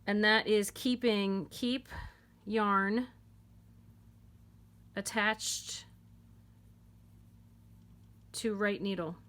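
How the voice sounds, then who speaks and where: A woman's voice: mid-range voice, extremely slow, pauses often, fairly bright tone. A woman teaching a knitting technique at home in a casual, chatty and playful way, joking and repeating herself as she goes.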